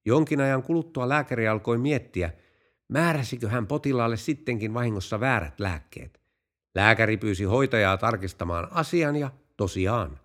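A man hosting a joke podcast who tells jokes with dry, deadpan timing. His mid-range voice moves animatedly up and down as he narrates. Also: mid-range voice. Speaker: podcast host. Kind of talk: joke telling.

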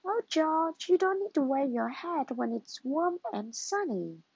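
A woman reading as a gentle mother pig. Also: high voice, animated, unhurried, no echo, voice pushed up. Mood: caring. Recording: dull lo-fi recording.

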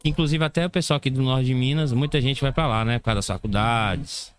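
A middle-aged Bahian Brazilian man chatting casually in a slow, dragged-out drawl, sounding lazy and tired after drinking. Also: mid-range voice, smooth. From interior Bahia, Brazil. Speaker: interview guest, musician. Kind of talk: casual joking chat.

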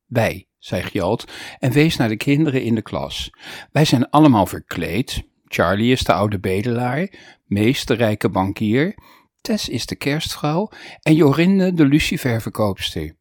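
A man's voice: medium pitch, animated, measured pace, no echo, clean studio sound. A man reading a children's Christmas story aloud, lifting his voice for the children's lines.

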